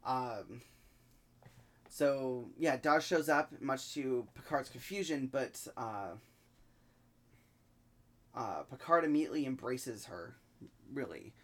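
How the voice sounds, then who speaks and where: A man's voice: medium pitch, animated. Laid-back podcast guy recapping stuff, lots of ums, plain mid voice. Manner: easygoing, halting with many ums. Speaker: podcast host. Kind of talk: casual recap chat.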